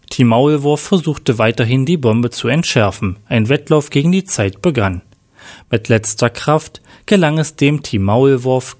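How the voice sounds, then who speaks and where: A man narrating a story with plain, steady reading. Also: mid-range voice. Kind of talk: read-aloud story narration.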